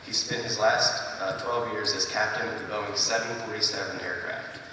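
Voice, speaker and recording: A man with a fairly low voice reads out a formal introduction for a guest speaker. He sounds distant in a very reverberant hall, with clear noise over the recording. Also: fairly even intonation, moderate pace, bright, forceful tone. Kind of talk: formal scripted introduction read aloud. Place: large echoing hall. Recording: echoey hall, distant mic, noisy.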